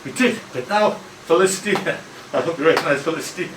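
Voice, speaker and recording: A man hosts a comedic football academy promo, rambling, joking, and tripping over his own restarts. His voice sits fairly high. He is recorded from a distance in an echoey room, with faint ambience behind him. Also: animated, fairly quick, noisy background. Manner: rambling, stammering, jokey.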